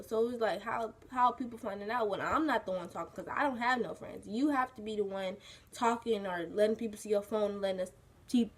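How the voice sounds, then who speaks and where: Teen girl vlogging, husky just-woke-up voice, rambles a lot with like and you know. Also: mid-range voice. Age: teens. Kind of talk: casual storytime chat.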